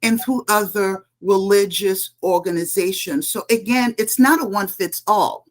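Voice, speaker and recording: A woman's voice: mid-range voice, a little slow. A middle-aged woman from Haiti, a political candidate giving emphatic answers in a panel interview and laying out her points one by one. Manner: earnest, emphatic, lists points.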